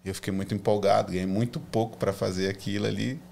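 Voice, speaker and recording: A Brazilian man, a guest in a casual interview, telling his story in an animated, emotional way. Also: on the low side, quick pace, vocal fry, a little hiss or hum.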